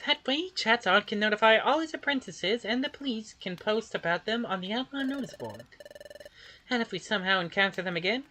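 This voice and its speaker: A woman reading video game dialogue aloud with expressive, animated delivery. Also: mid-range voice, a little fast, slight background noise. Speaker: game player voicing dialogue.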